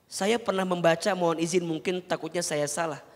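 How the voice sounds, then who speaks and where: A man's voice: on the high side, fairly even intonation, a little fast. A man preaching a televised sermon, earnestly advising and keeping the audience engaged with rhetorical questions. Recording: long hall reverb.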